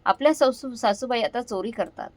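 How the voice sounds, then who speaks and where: A woman voicing an angry young daughter-in-law who shouts accusations, in a dry, close recording. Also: a little high, moderate pace, no room sound, natural voice. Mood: furious scorn.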